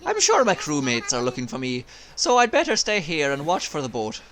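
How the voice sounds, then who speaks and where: A man's voice: fairly high pitch, wildly swooping pitch, brisk, fairly bright tone, exaggerated voice. Man putting on an Irish-tinged seagull sailor. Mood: cheery. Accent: Irish, put on. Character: chatty shipwrecked male seagull sailor.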